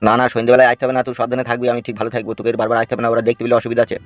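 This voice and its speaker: A man voice actor in a family drama, hushing and pleading as he warns against more trouble. His lines come very fast. The sound is a little muffled, with soft music behind. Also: mid-range voice, flat delivery, no echo. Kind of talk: emotional village drama acting.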